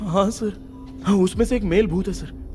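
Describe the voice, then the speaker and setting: A man's voice: sits high, normal speed, mellow, soft background music, natural voice. A man dubbing an anxious young man in a Hindi film who pleads for help. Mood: worried. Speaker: young man haunted in dreams.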